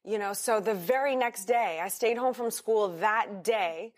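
In a hotel in Singapore, an American woman speaks candidly about her past as an interview guest. Her voice is at a normal middle pitch, and she often pauses and restarts sentences with filler words.

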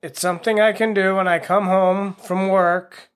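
A man's voice: high voice, level tone, moderate pace, clean tone. A man hosting his own podcast, talking casually in a rambling, frank and self-deprecating way into a home microphone. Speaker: podcast host. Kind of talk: casual solo podcast monologue.

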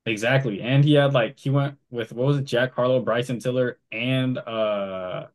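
A man's voice: mid-range voice, fairly even intonation, normal speed. A young man co-hosting a podcast, bantering casually in a laid-back, slangy way. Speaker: podcast co-host. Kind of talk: casual chat.

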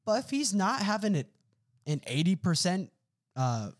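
A man's voice: high voice, very animated, moderate pace. A young man co-hosting a casual sports podcast, laid-back, dropping "bro" and agreeing with "mm-hmm". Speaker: podcast co-host.

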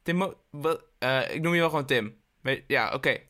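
A man's voice: mid-range voice, normal speed, pushed and bright. A tired man hosting a comedic solo podcast, rambling with stammered restarts and frequent swearing, into a podcast microphone. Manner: rambling, self-interrupting, swears often. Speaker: podcast host.

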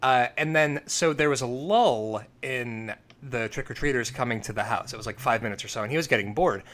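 Guy cohosting a podcast, bright voice, rambles thru stories with lots of uhs. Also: mid-range voice, a little fast. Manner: rambling storyteller, many fillers and restarts. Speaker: podcast co-host. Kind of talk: casual chat.

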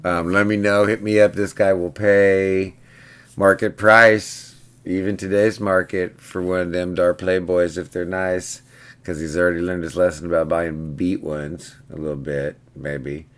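Casual male vlogger, very low pitch, rambling storyteller, pinball repair guy. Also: flat delivery, a little slow, a bit bright. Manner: rambling, chatty, keeps asking "right?".

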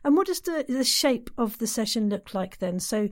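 A woman's voice: a little high, expressive, normal speed. A woman interviewing in a conversational style, attentive and affirming.

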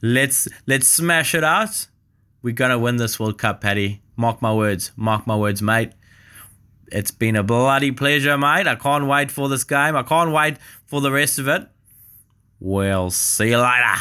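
A man's voice: medium pitch, a little slow, sharp tone, smooth. A man talking sport casually in a blokey, matey tradesman's way, with mild swearing. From South Africa.

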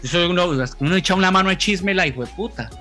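A Colombian man in his thirties chats loosely and rambles, dropping swear words as he goes. His voice sits a little high and sounds bright and forceful. Faint music plays underneath. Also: quick pace. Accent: Colombian Spanish. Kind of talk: casual chat.

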